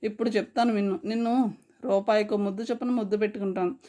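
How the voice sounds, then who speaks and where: A woman's voice: mid-range voice, steady tone, fast talker, warm tone, lightly acted. A woman reading a story and voicing a brash, cheeky young man who talks with swagger. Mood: cocky.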